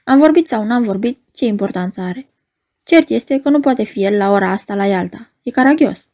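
Woman doing a jumpy man, shrill, agitated, raised pitch, audiobook figure. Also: expressive, a little mellow. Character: nervous, shrill male finance director.

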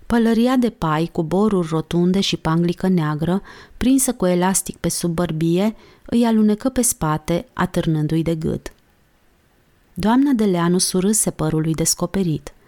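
Female audiobook narrator, lowish voice, calm, measured literary reading. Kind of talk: scripted narration.

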